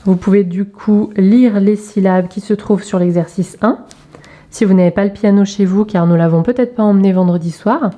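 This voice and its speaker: A primary school teacher with a mellow, medium-pitched voice talks young pupils through an exercise in a remote lesson video. She goes slowly, spelling out sounds and letters with care.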